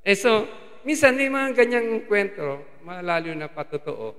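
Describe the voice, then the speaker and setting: A man's voice: high voice, big pitch swings, a little slow, fairly bright tone. A man with a Filipino accent preaching a sermon as a lay preacher, slipping English phrases into his Tagalog. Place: church hall. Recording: long hall reverb.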